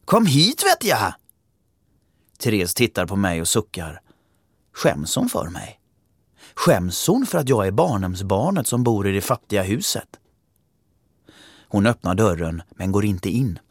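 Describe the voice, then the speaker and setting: A man narrating a first-person story, calm and reflective. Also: lowish voice, long pauses, breathy edge, no echo, clean studio sound.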